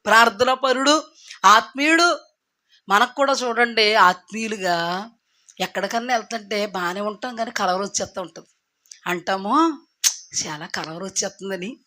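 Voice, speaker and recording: A woman preaching a sermon who tells the story lively, asks the congregation rhetorical questions and acts out the characters' lines. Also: mid-range voice, normal speed, pauses often. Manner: lively, acts out biblical characters in quoted voices.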